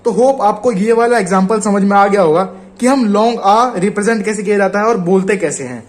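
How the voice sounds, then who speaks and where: Indian man teaching, higher-pitched voice. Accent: Indian Hindi. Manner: explains slowly, repeats example words. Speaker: shorthand teacher. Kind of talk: casual spoken lesson.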